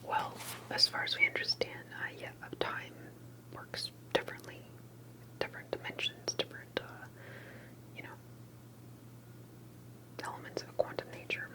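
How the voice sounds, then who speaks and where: A woman performs an ASMR interview roleplay entirely in a breathy whisper, asking gentle, hesitant questions with pauses. The recording is rough.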